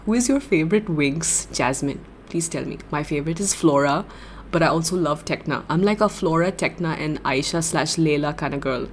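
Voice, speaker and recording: A young woman livestreaming, chatting casually with viewers and answering their comments in a giggly, gushing, excitable way. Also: sits low, moderate pace, slight background noise.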